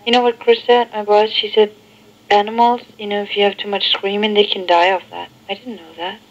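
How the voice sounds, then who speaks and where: Captured on a worn old answering machine tape and played back through a cassette boombox, a woman talks casually on the phone. She speaks a little fast with little pitch movement.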